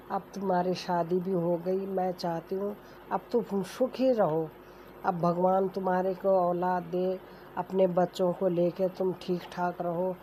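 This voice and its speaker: A woman's voice: fairly low pitch, mellow, poor audio. A woman telling a family folk story in a plain, homely, conversational way. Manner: plain homely telling, voices characters lightly without changing voice. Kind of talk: casual oral storytelling. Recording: faint background noise.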